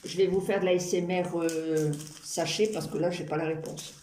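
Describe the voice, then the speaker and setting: A woman's voice: on the low side, fairly even intonation, moderate pace, mellow. A woman chatting casually and ramblingly to her viewers while she crafts, with playful asides. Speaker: YouTube craft vlogger. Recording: roomy echo, noisy background with clicks.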